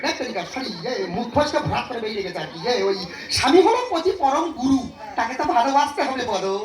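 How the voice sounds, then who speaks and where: A woman playing a teasing, quick-witted village wife in a folk stage comedy, bantering and laughing. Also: high voice, big pitch swings, loud music behind the voice. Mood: playful. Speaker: stage comic performer. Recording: echoey, distant stage mic.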